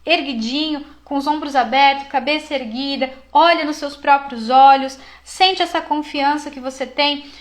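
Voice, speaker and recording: High-voiced woman coaching a live class. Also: normal speed, few pauses. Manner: encouraging, lively and conversational, with many fillers. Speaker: psychologist teaching a class.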